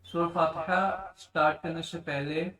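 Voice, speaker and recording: A man teaching a tajweed lesson, explaining mistakes in plain speech and then chanting the verses slowly. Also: a little high, fairly even intonation, pushed and bright, distant mic, poor audio. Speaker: Quran recitation teacher.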